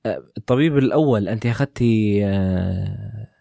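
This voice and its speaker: A man's voice: lowish voice, a little fast, gravelly, mellow, no room sound, clean studio sound. A man hosting a podcast interview, asking short probing follow-up questions. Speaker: podcast host.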